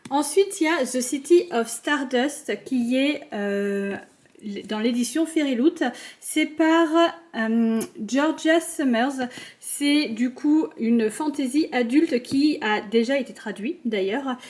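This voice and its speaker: A woman's voice: high-pitched, takes it slowly, a little mellow. A young woman chatting casually about her unfinished books in a reading vlog, with many fillers and restarts. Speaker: book vlogger.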